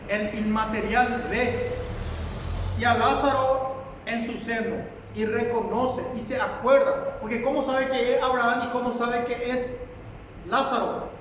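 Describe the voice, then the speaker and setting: A man preaching a sermon as a pastor, emphatic, repeating his phrases and asking the congregation for amens. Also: very high voice. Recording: echoey hall, distant mic, faint background noise.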